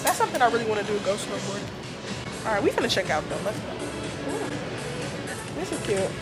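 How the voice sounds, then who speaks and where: Over loud background music, a young adult vlogger talks at a moderate pace in a very animated, medium-pitched voice. She keeps things playful and slangy while shopping indoors at a crowded clothing shop and grocery store, filming on a handheld camera at arm's length.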